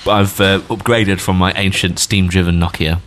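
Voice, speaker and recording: A man with a very deep voice chats on a podcast. He jokes at his own expense and plays with words. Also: little pitch movement, normal speed, a bit bright, a little hiss or hum. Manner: self-mocking, playful wordplay. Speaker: podcast co-host. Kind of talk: casual chat.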